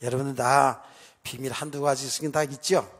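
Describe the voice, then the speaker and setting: A male pastor preaching a sermon, speaking calmly and then suddenly raising his voice to shouting, with a sore throat. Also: medium pitch, normal speed. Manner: calm talk that suddenly rises to shouting.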